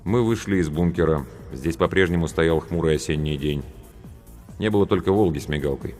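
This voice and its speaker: A man narrating an audiobook story in a measured, grave storytelling manner. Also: a bass voice, a little mellow. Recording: long reverb with faint music.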